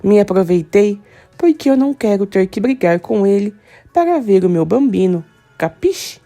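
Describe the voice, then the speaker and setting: Uma mulher lendo as falas de um imigrante italiano teimoso, com tom firme e insistente. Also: female voice, medium pitch, animated, normal speed, mellow, faint music behind, pitched above the performer's own voice, close to an everyday voice. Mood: firm. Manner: firm, insistent. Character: stubborn Italian immigrant man, firm.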